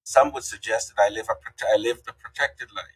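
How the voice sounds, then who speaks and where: An older man from Guyana, a guest on a podcast, spins folksy stories in a lively, casual interview. He talks a little fast in a lowish voice with a breathy edge, and the recording is rough.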